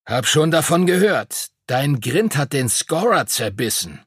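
A man voicing a gruff, one-eyed middle-aged teacher with a curt manner. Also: a little high, very animated, a little slow, no echo, clean studio sound, voice pushed up, heavily acted.

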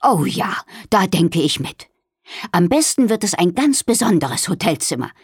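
Woman voicing a female wild boar inventor, enthusiastic, lively pitch, dry sound. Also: normal speed, breathy edge, no echo, full character voice. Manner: eager and enthusiastic.

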